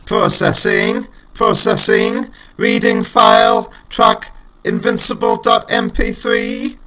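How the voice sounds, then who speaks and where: A man using a voice changer to play a robotic computer voice announcing that it is loading a file, high and slow with a mechanical monotone. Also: heavy background noise. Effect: voice changer robot filter. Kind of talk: live game stream aside.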